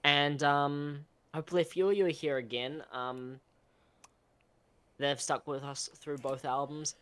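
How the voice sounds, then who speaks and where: A man's voice: fairly high pitch, fairly even intonation, unhurried, fairly bright tone, clear, resonant tone. A young man co-hosting a casual chat, easygoing and hesitant, with frequent ums and restarts. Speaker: co-host.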